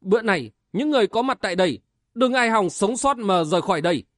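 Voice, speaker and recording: A man's voice: high voice, expressive, fast talker, a bit bright, dry recording, clean studio sound. A man voicing a grim young swordsman hero in an audiobook, talking coldly and threateningly. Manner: cold, threatening.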